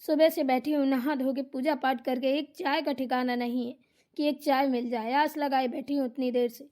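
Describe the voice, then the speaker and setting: A woman voicing a bossy, scolding older mother-in-law in a cartoon comedy, shrill and insulting. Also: steady tone, normal speed, darkish tone, natural voice. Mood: grumbling.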